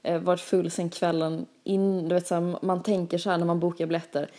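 A young woman in relaxed casual chat, reacting to a friend and telling her own travel story. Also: lowish voice. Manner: relaxed listener, frequent backchannel.

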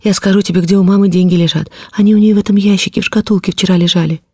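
A woman's voice: medium pitch, fairly even intonation, racing, mellow, slightly rough, no room sound, voice pushed up, lightly acted. A woman reading an audiobook voices a frightened little girl who begs and sobs. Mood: tearful. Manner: sobbing, begging cries. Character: frightened pleading little girl, tearful and desperate.

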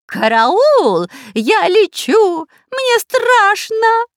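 A woman voicing a cowardly male spy and robber who whines and complains in a high, shrill voice. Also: big pitch swings, moderate pace, a little mellow, no room sound, studio quality. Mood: panicked.

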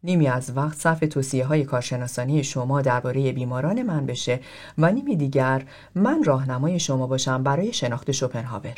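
A man's voice: mid-range voice, lively intonation, a little mellow, natural voice. A man reading the part of an aloof philosopher who talks in a formal, blunt, lecturing way.

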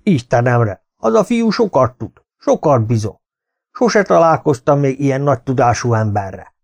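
A man voicing a gruff, domineering older farmer who growls and scolds in an audiobook. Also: mid-range voice, big pitch swings, darkish tone. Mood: grudging praise. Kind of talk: audiobook character voice.

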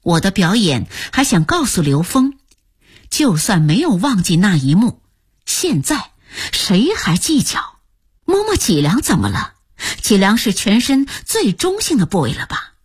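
A woman narrating a novel as an audiobook in measured, expressive storytelling. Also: medium pitch, breathy edge, dry recording, studio quality.

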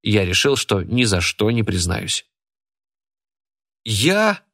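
A man reading a first-person story aloud as an audiobook narrator, in an even, measured way. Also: fairly low pitch.

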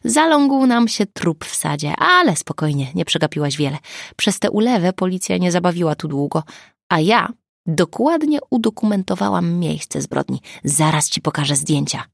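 A woman's voice: on the low side, very animated, moderate pace, creaky, no room sound, clean studio sound, full character voice. A woman voicing a tough, wisecracking young woman friend in an audiobook who talks in teasing banter. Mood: wry. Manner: teasing, crooked-smiled banter. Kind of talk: audiobook character voice.

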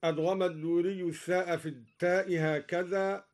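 A man explaining Quran reading variants slowly, chanting verse examples in a measured, melodic recitation style. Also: high-pitched, steady tone. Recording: live radio broadcast recording.

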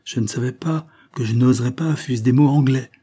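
A man voicing a brave, commanding young gentleman who speaks with scorn and resolve in a storybook reading. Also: mid-range voice, normal speed, breathy edge, lightly acted. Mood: scornful.

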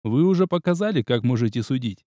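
A man's voice: mid-range voice, animated, mellow, no echo, studio quality, lightly acted. A man voicing a stern, cunning male military academy instructor who speaks formally. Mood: cold, formal. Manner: measured, cold, formal.

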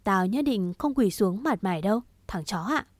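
Một người phụ nữ đọc giọng một gã trai trẻ thủ đoạn, nói giọng khiêu khích, chế giễu và hay chửi thề. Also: female voice, medium pitch, animated, moderate pace, dry recording, natural voice. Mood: taunting. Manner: mocking, swearing, provocative. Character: crude scheming young man, taunting and foul-mouthed.

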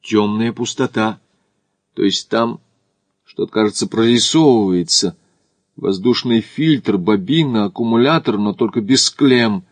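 A man's voice: lowish voice, unhurried, no room sound. Smith, a man playing a hesitant, mild traveler. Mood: uneasy.

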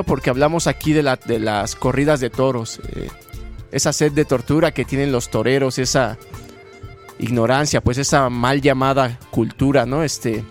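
Male rapper, medium voice, casual with filler words, soft music behind. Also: mid-range voice. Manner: relaxed, slangy, many fillers. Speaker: rap musician guest. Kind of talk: casual interview chat.

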